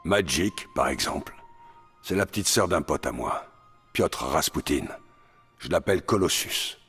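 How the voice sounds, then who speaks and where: An actor playing a gruff, grizzled male mutant brawler from Canada in a French video game dub, blunt and sardonic. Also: a bass voice, animated, unhurried, a bit bright, faint music behind, heavily acted. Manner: blunt, sardonic, laid-back.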